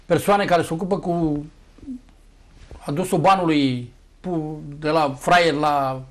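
Combative high-pitched man, sarcastic. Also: fairly even intonation. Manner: combative, sarcastic, addresses opponents directly. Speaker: political guest. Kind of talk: heated political talk show debate.

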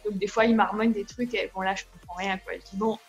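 A young French woman being interviewed about her au pair job, talking in a relaxed, hesitant way with many fillers. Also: mid-range voice, quick pace, faint music behind, low-quality recording. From France. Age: young adult. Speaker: guest, au pair. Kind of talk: casual interview.

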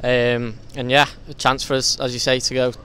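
A man's voice: mid-range voice, little pitch movement, normal speed, fairly bright tone, a little hiss or hum. A young male footballer speaking upbeat and fluently after a match outside a stadium entrance, into a handheld mic. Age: young adult. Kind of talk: post-match interview.

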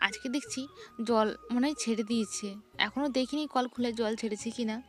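A woman's voice: a little high, fairly quick. Chatty young woman vlogger. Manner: chatty, describing chores as she goes. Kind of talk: casual vlog narration.

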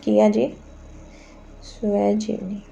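A woman's voice: mid-range voice, monotone, slow pace, gravelly, background noise. A woman, teaching an exam quiz lesson, reading out each question and its options and then giving the answer politely and patiently.

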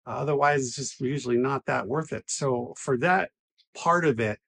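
Man, 40s, physical therapist, methodical on-camera explainer, slightly husky, lapel mic in a clinic. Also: medium pitch, moderate pace, fairly bright tone. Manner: methodical, enumerating points.

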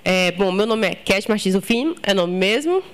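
A young woman from Ceará speaks, giving a short talk in front of a live audience. She keeps it casual and chatty, joking with the room as she goes. Her voice sits at a middle pitch for a woman. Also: lively intonation, moderate pace. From Ceará, Brazil. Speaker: conference speaker.

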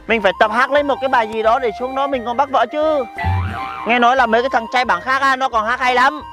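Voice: sits high, fairly even intonation, quick pace, music in the background, lightly acted. [name], a performer doing a clowning young village man. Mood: excited. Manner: loud, clowning, laughs at own jokes. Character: boastful goofy young village man hunting a wife. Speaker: comic lead. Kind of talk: comedy sketch acting.

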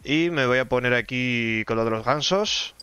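A man's voice: medium pitch, moderate pace, bright, forceful tone, smooth, no echo. Playful young man commenting on gameplay. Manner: playful, chatty, talks to his dog in the game. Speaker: gaming YouTuber.

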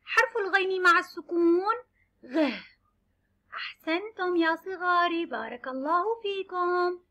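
A woman teaching young children, sounding out letters and words slowly and clearly. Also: very high voice, pushed and bright, lo-fi sound. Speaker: kindergarten teacher. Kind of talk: children's lesson.

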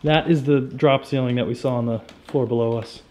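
Fairly quick and a little mellow, this man's medium-pitched voice keeps a fairly even intonation. He's an exploration vlogger making his way through a crumbling abandoned building, commenting with wonder on everything he sees.

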